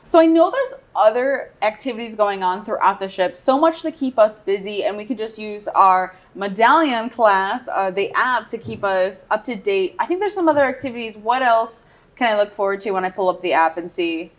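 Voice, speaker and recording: A woman's voice: mid-range voice, animated, normal speed. A woman interviewing casually, with friendly, eager reactions and conversational questions.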